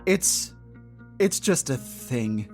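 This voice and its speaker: A man narrating a tabletop game as game master, describing scenes in a halting, deliberate way. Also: medium pitch, sing-song, soft background music.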